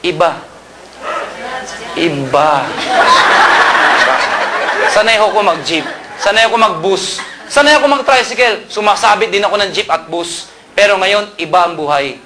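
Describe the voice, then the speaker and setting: A man from Pangasinan giving a joking sales pitch at a marketing seminar, asking the audience questions and shouting punchlines. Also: expressive, measured pace, pauses often. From Pangasinan, Philippines. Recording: live event with loud crowd and noise.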